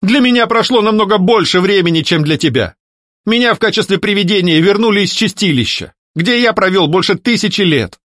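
A man voicing the ghost of a disgraced nobleman, begging loudly and frantically. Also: high-pitched, animated, a little fast, no echo, clean studio sound, voice pushed up. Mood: earnest. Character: ghost of a scheming young nobleman, pleading.

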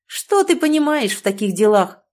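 A woman's voice: a little high, big pitch swings, moderate pace, darkish tone. A woman reading the lines of a pushy, scornful young male fiancé in an audiobook, with a demanding, sneering manner.

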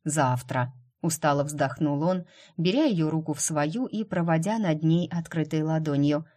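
A woman narrates a fantasy romance novel aloud in a steady, even manner. Her voice sits low for a woman. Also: moderate pace. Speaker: audiobook reader. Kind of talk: scripted narration.

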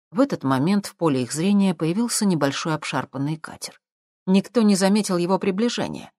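A man narrating an audiobook in a steady, measured reading. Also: fairly high pitch, no room sound, clean studio sound. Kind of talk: scripted narration.

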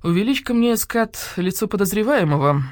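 Woman voicing a calm wise old badger detective. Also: no room sound, studio quality, lightly acted. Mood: calm, probing. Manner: low, measured, unhurried.

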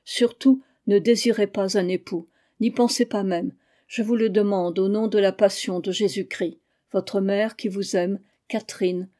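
A woman voicing a proud, defiant middle-aged queen, with loud and vehement declarations. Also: mid-range voice, steady tone, unhurried, close to an everyday voice. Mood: earnest.

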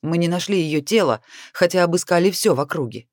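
A man's voice: a little high, animated, fairly quick, no room sound, studio quality, voice pushed up. A man voicing a guard captain anxiously explaining an attack to his lord. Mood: worried.

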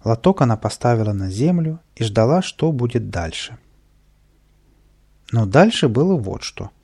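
Storybook narrator, man, gravelly and husky, dark tone. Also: medium pitch, normal speed. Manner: steady and even-paced, with lively voiced dialogue. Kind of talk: storybook reading.

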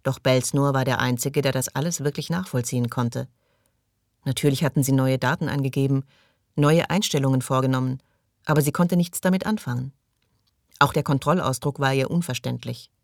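Narrator, man, steady measured audiobook reading, dry booth sound. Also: mid-range voice, gravelly, dry recording.

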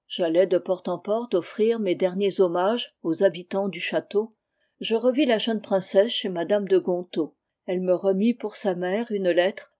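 Lady audiobook reader, mellow soft tone, steady literary pacing. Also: medium pitch. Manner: measured, literary. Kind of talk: scripted narration.

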